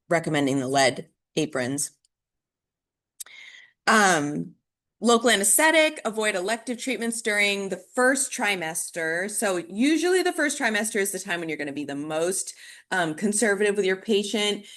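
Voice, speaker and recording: Lowish-voiced woman giving a casual lecture. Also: fairly bright tone. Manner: conversational, with frequent fillers and restarts. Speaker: dental hygiene instructor. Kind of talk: recorded classroom lecture.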